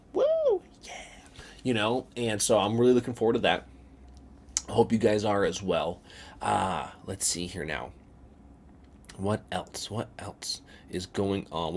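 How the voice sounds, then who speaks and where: A man's voice: lowish voice, slight background noise. A young man talking casually in a vlog, rambling and repeating words with many fillers. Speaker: vlogger.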